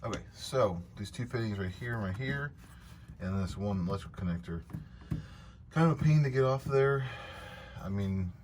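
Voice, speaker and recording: A man vlogging his truck work outdoors, rambling casually with lots of fillers and throat clearing. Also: on the low side, lively intonation, moderate pace, pauses often, darkish tone, slight background noise. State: out of breath. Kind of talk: casual DIY vlog.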